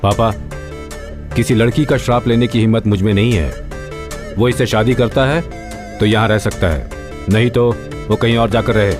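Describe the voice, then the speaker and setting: A stern middle-aged parent, dubbed by a man, hands down a grave decision. Guitar film music plays clearly behind him. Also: lowish voice, steady tone, normal speed, pauses often, natural voice. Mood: firm. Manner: firm, grave. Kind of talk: Hindi film dub.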